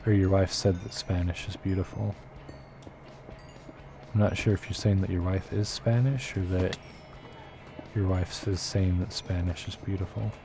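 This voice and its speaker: A man's voice: low-pitched, steady tone, moderate pace, vocal fry, long pauses, noisy background. A man live-streaming a game, chatting casually with viewers and rambling as he thinks aloud, with lots of fillers. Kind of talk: casual chat with viewers while playing.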